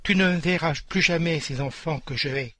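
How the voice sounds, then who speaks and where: A man's voice: a little high, moderate pace, pushed and bright, no echo. A man voicing a proud, cruel rich landowner woman who gives harsh orders and mocks her servant. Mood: furious. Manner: harsh, scornful, commanding. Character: haughty, cruel rich plantation mistress.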